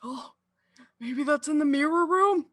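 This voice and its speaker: A woman's voice: high voice, measured pace, dry recording. A woman voicing a grumpy old man who is a talking grandfather clock in a tabletop game, with a dry, grudging manner. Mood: grumpy, drowsy. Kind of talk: improvised tabletop game role-play.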